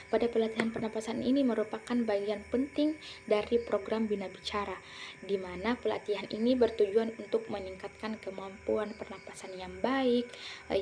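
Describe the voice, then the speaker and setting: Young woman presenting with a mellow voice. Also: medium pitch, slight background noise. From Indonesia. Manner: explanatory, with frequent fillers and self-corrections. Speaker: student presenter. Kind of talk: academic presentation.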